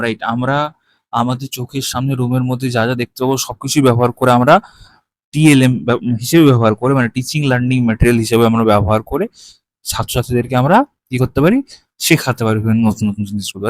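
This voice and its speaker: A man explains a textbook page like a teacher. His pitch sits in a middling range. He reads English lines slowly, then explains them, and he is recorded close and dry with no room sound. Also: dry recording.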